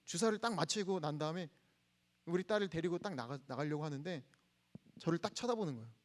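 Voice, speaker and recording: A man in his thirties preaching a sermon to a campus congregation. He leads the reading of scripture aloud and tells a personal story in a soft, hushed voice. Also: a little high, lively intonation, fast talker.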